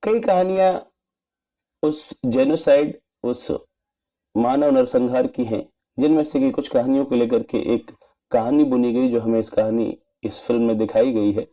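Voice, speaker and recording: A man giving an earnest, measured spoken movie review in formal wording. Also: mid-range voice, warm tone. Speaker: film reviewer.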